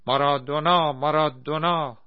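A man voicing an excitable, football-mad young soldier who talks loudly and in exclamations, in a dry, slightly muffled recording. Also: a little high, no echo, voice pushed up, close to an everyday voice. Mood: jubilant. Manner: loud, exclaiming, shouting.

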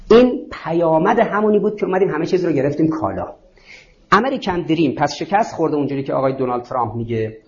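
A man's voice: high voice, muffled recording, a little hiss or hum. A man giving an ideological lecture to students, asking rhetorical questions and answering them himself.

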